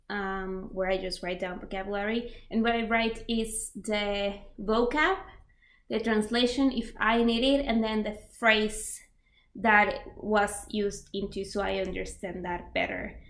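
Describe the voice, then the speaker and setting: In a reverberant space, a young native Spanish speaker with a higher-pitched voice and Spanish accent casually explains language learning tips. She fills her talk with fillers and plenty of examples.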